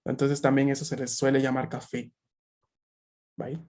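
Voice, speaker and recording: A man's voice: mid-range voice, level tone, normal speed, darkish tone. A man teaching a beginners' Japanese class over a video call, explaining patiently with frequent check-in questions. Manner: explanatory, many filler checks. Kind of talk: online language class.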